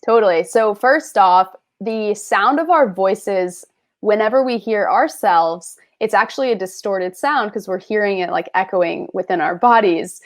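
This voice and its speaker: On a video call, a female guest creator offers casual advice directly to viewers, upbeat and encouraging. Her voice is medium in pitch and she speaks a little slowly.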